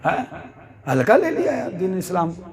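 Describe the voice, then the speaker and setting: High-voiced impassioned male preacher before a crowd. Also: huge pitch swings. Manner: impassioned, swings from soft low asides to shouting climaxes, quizzes the crowd. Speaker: Islamic preacher. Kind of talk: sermon. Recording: live crowd audible behind.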